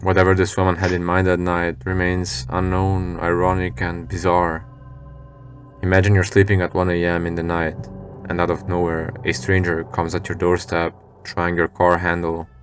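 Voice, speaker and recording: Low, even-toned man narrating eerie clips. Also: moderate pace, faint music behind. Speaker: narrator of a scary video compilation. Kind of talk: scripted narration.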